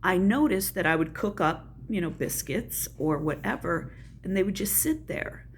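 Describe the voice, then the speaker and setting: On her personal vlog, an older woman with an American Southern accent talks about her life in a chatty, folksy way, poking fun at herself along the way. She speaks animatedly at a moderate pace in a lowish voice, and there's a faint hiss or hum.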